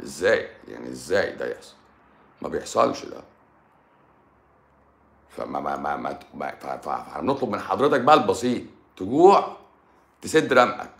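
A man's voice: on the low side, sing-song, normal speed, pauses often, a bit bright, reverberant. A man with an Egyptian Arabic accent talking casually on a livestream as a doctor answering viewers, blunt and teasing, sometimes dropping to a mutter. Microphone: livestream microphone.

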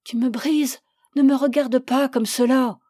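A woman's voice: a little high, a little slow, dark tone, dry recording, studio quality, natural voice. A woman reading an audiobook, voicing an anguished young woman who is passionate and reproachful. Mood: impassioned. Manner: impassioned, reproachful.

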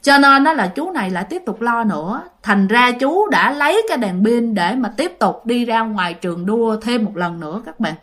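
A woman's voice: on the high side, lively intonation, moderate pace, few pauses, fairly bright tone. A woman telling a ghost story in a casual, chatty way, with lots of fillers, and speaking directly to her listeners.

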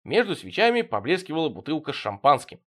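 A man's voice: a little high, very animated, fast talker, a bit bright. A man reading surreal comic prose aloud expressively, dropping his voice on the speech tags. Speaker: reader.

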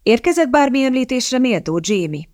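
A man's voice: extremely high pitch, sing-song, a little mellow, dry recording, clean studio sound, pitched above the performer's own voice. The narrator voicing a jovial, teasing male army captain who banters with a grin. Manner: mocking, playful, grinning banter.

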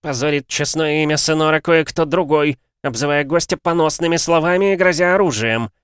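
A man's voice: on the high side, steady tone, a little fast, a bit bright, clear, resonant tone, no echo, clean studio sound, pitched above the performer's own voice, lightly acted. A man doing a sneering arrogant young noble. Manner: haughty, sneering, hissing through teeth.

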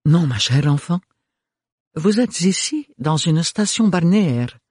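A man voicing an elegant aristocratic woman who speaks slowly in a purring, refined way. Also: mid-range voice, very animated, dark tone, breathy edge, dry recording, clean studio sound. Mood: gracious.

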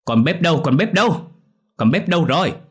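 A man voicing a spiteful, sharp-tongued young mistress who scolds and shrieks at her servants in a ghost story. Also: on the high side, very animated, fairly quick, slightly rough, voice pushed up. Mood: scolding.

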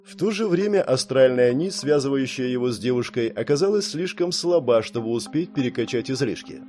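A man reads a story aloud in a steady audiobook style. His voice is mellow and dark, and it sits at an ordinary middle pitch. For the characters' lines he lifts his pitch slightly. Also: a little fast. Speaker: audiobook narrator. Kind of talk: scripted audiobook narration.

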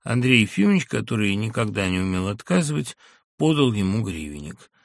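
Man, literary audiobook narration, gravelly texture, dry studio mic. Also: on the low side, dry recording. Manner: measured, expressive reading.

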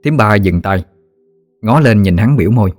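A man with a Southern Vietnamese accent narrating a ghost story in a steady, plain manner. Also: lowish voice, normal speed, no room sound, faint music behind.

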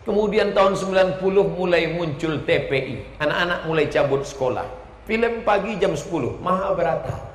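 A man from Indonesia preaching a lively, humorous sermon, joking with the crowd and shouting out lists for emphasis. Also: high-pitched. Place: large hall with a stage. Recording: echoey hall with long reverb.

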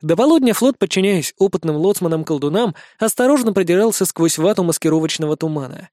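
Higher-voiced man reading a storybook. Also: lively intonation, fast talker, dark tone, dry recording, clean studio sound. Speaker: audiobook narrator. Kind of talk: scripted audiobook narration.

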